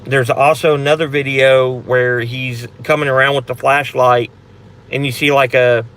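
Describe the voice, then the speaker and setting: A man's voice: medium pitch, little pitch movement, moderate pace, a bit bright, clear, resonant tone. A man hosting a casual live Q&A for a paranormal channel, talking in a rambling, blunt way with frequent restarts and some swearing.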